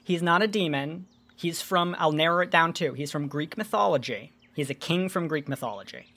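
Animated woman podcast host. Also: low-pitched, moderate pace. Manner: animated, swearing, storytelling explainer. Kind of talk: casual podcast chat.

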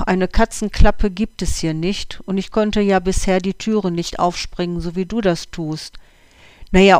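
A storyteller voicing Oskar, a calm and experienced male house cat who explains things patiently, in a dry recording. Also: medium pitch, smooth, dry recording, natural voice.

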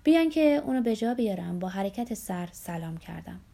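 A woman reading a first-person novel aloud in a measured storytelling manner. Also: medium pitch, big pitch swings, vocal fry, dark tone. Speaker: audiobook narrator. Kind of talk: scripted first-person narration.

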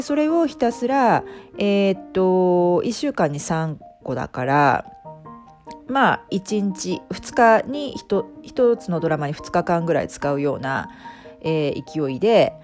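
Middle-aged woman chatting on a podcast, bouncy pitch, soft music under her. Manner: many fillers and restarts, lively pitch. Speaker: podcast guest, life coach. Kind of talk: casual interview talk.

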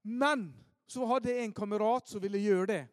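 A preacher from Ålesund, telling stories in a sermon, shifting between loud emphasis and hushed asides. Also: male voice, high voice, dry recording, studio quality. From Norway, Ålesund. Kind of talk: storytelling sermon.

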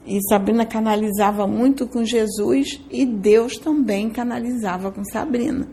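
Woman, brazilian portuguese accent, religious testimony, emotional retelling, higher voice, warm mellow tone. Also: moderate pace. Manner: heartfelt, emotional storytelling with many restarts. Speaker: speaker giving a faith testimony.

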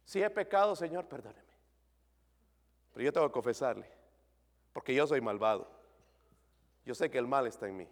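A man preaching a sermon to his congregation, swinging from loud pleading to quiet confiding, with jokes and questions to the listeners. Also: mid-range voice, animated, moderate pace, pauses often, long reverb tail. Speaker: pastor.

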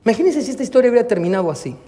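A man's voice: extremely high pitch, sing-song, very fast, warm tone. A male pastor preaching a sermon, telling a story with acted dialogue and speaking straight to his congregation. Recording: long hall reverb.

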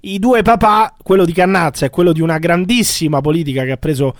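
Male podcast co-host, high pitch, protesting, dry mic. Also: fast, no room sound. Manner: flustered, protesting denials. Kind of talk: comedic podcast banter.

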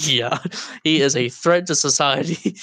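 A man's voice: on the high side, slow pace, gravelly, sharp tone, dry recording, studio quality. A young man co-hosting a casual podcast over a voice call, joking loosely and laughing often. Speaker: podcast co-host. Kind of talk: casual chat. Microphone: Discord voice call.

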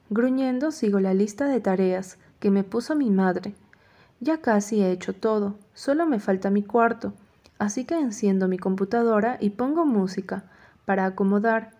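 Mellow-voiced woman narrating an audiobook. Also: mid-range voice. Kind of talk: first-person audiobook narration.

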